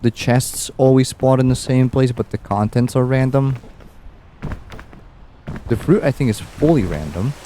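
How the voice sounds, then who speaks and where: A man's voice: medium pitch, a little slow, long pauses, mellow, a little hiss or hum. A young man streaming a game, rambling and musing aloud with easy chuckles as he plays. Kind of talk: casual gameplay commentary.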